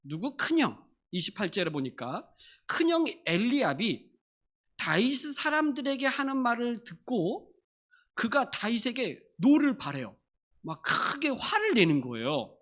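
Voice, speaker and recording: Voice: medium pitch, sing-song, measured pace, a bit bright. A pastor preaching a Sunday sermon at a church service, emphatic and restating key phrases again and again.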